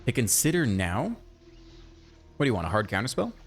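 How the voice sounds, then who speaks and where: A man giving casual, chatty commentary over his own card game, thinking aloud and breaking into excited outbursts. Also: medium pitch, brisk, a little hiss or hum. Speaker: gaming channel host.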